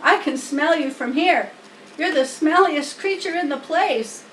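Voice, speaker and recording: A woman's voice: high-pitched, measured pace, a bit bright, far from the mic, slight background noise, pitched above the performer's own voice. A woman voicing a rude, scornful young lamb in a children's storybook, with a taunting manner. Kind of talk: children's storybook character reading.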